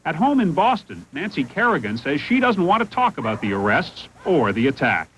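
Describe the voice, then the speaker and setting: A man's voice: a little high, wildly swooping pitch, moderate pace, a bit bright, slight background noise, rough recording. A man narrating a scripted television news report as a correspondent.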